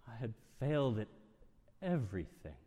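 A man's voice: medium pitch, big pitch swings, moderate pace, husky. Dramatic male storyteller in a reverberant hall. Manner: dramatic, swinging from hushed to loud. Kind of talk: first-person dramatic monologue.

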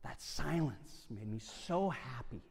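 A man performing a first-person dramatic monologue, swinging from hushed lines to loud bursts. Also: mid-range voice, lively intonation, slow, vocal fry, slightly rough. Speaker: storyteller. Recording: long hall reverb.

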